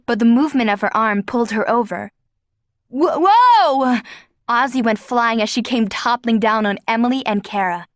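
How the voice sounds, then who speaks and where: A woman reading a children's fantasy novel aloud as the narrator, in a lively way and voicing each character. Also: mid-range voice, dry recording, clean studio sound. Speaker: audiobook narrator. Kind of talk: scripted narration.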